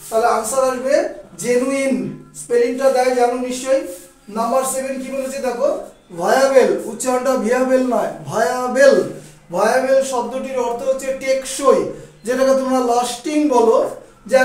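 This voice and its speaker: High-voiced Bengali man teaching in echo. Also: far from the mic. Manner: explains and repeats words, checks with "ঠিক আছে?". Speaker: English teacher. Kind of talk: classroom vocabulary lesson.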